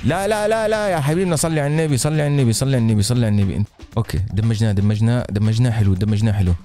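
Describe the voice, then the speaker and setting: Male gamer, warm dark tone, quick talker, chatty, faint music behind. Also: mid-range voice. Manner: chatty, laughs often, repeats words. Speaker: guest gaming YouTuber. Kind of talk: excited gameplay commentary.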